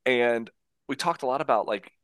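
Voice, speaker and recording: A man hosting a casual podcast interview, easygoing and quick to laugh. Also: medium pitch, a bit bright, no room sound. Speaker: podcast host.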